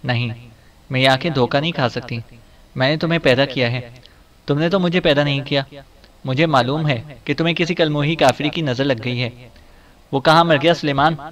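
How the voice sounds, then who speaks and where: A loud, shrill old mother who scolds everyone around her and holds fast to her superstitions, as a male narrator puts her on in an audiobook. Her voice rises sharply and hits hard, pushed well above the reader's usual level. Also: close to an everyday voice. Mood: angry scolding.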